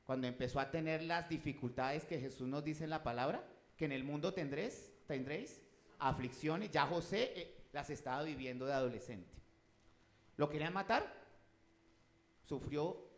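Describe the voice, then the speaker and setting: A man's voice: on the high side, normal speed, reverberant. A man preaching a sermon, emphatic and rising in volume as he reads scripture, often asking the congregation questions.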